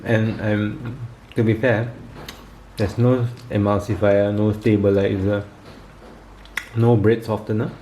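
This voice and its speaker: A man's voice: lowish voice, slow. Chatty man in an echoey kitchen. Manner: relaxed, chatty, with many fillers. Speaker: home cook reviewing kitchen gadgets. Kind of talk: casual demo vlog. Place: home kitchen. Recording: echoey kitchen with faint background noise.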